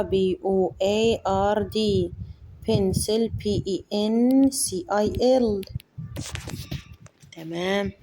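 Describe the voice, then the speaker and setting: Egyptian woman teacher spelling words slowly. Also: medium pitch, mellow, slight background noise. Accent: Egyptian Arabic. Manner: slow, careful spelling-out and modeling of English words, quick Arabic explanations. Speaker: English teacher for young children. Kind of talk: workbook lesson walkthrough.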